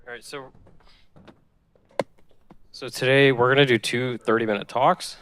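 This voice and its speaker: A man's voice: mid-range voice, steady tone, unhurried, background noise. A man hosting a meetup, casually giving housekeeping notes and introducing speakers to the audience.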